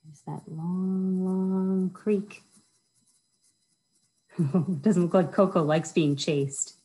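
A slow, low-voiced American woman, the children's librarian, hosts storytime with a steady, mellow, slightly rough tone. Her read-aloud is simple and child-directed, full of chatty asides and questions, recorded with poor audio on a webcam or laptop at arm's length in a small wood-panelled indoor room.

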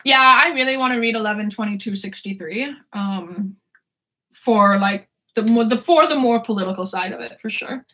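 This woman speaks at medium pitch and normal speed, with a bright, forceful tone. She's a twenty-something book vlogger nursing a sore throat, casually rambling about books while laughing and swearing freely.

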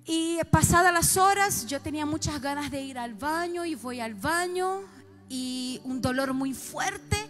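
A middle-aged woman pastor with a Chilean accent, giving an emotional sermon testimony that swings from soft confiding to loud outbursts. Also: high voice, expressive, a little slow, soft background music.

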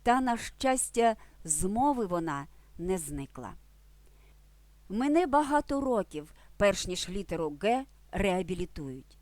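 A woman reading a scripted language lesson with clear, deliberate delivery and lively emphasis on key words. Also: mid-range voice, no echo. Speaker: language teacher. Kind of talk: scripted educational narration.

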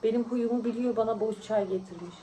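A woman's voice: on the high side, quick pace, dark tone, slight background noise, low-quality recording. A tired woman vlogging in casual, teasing chat with friends at a friend's home. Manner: chatty, teasing, often laughing.

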